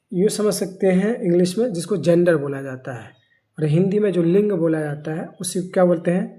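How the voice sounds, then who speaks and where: A teacher explains a grammar lesson at a steady, medium pitch. The teacher keeps putting questions to the listeners and answering them right away, then says the key words again slowly so they stick. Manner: asks the class questions and answers them himself.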